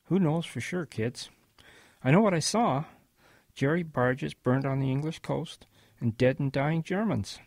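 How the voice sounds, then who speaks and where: In an audio drama, a man plays a wistful old grandfather recalling his wartime boyhood, gentle and reflective in a husky voice. His pitch is on the high side and his pace is measured. There is no room sound.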